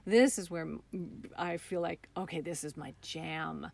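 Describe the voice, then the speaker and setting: With a low, gravelly voice, a steady tone and a measured pace, a woman speaks as an interview guest. A playwright and director, she's casual, expressive and enthusiastic in her descriptions, recorded from a computer call and on her phone as well.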